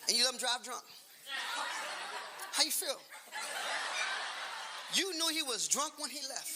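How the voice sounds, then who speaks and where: A man in his late fifties works a comedy stage, loud and animated, firing off punchlines twice and talking straight to the crowd. His voice sits unusually high for a man. The live recording carries clear audience noise behind him. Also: unhurried. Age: 50s. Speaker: stand-up comedian. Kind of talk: stand-up comedy.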